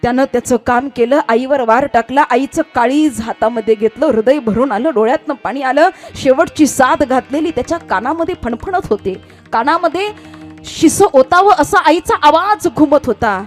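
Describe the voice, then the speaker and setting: Woman preacher, high voice, impassioned sermon storytelling, faint music behind. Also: normal speed. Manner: impassioned, swinging between soft and loud. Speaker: kirtan preacher.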